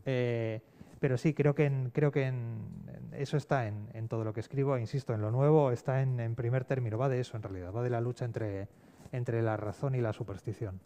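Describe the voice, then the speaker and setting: Brisk and mellow, with a mid-range voice and fairly even intonation, a guest panelist from Spain discusses his work as a fiction scriptwriter. His Spanish accent comes through as he talks discursively, repeating words for emphasis.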